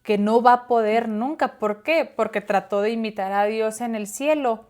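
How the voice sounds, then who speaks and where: A woman's voice: on the high side, moderate pace, darkish tone, faint music behind. A woman co-hosting a casual Bible discussion, reading verses aloud and explaining them. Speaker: Bible study co-host.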